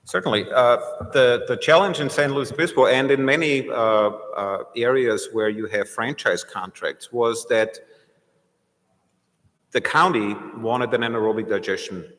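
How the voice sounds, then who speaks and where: A man explaining as a panelist, measured and a bit hesitant, in a large reverberant room. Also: mid-range voice, a bit bright. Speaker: panelist from a project developer. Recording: echoey hall with long reverb.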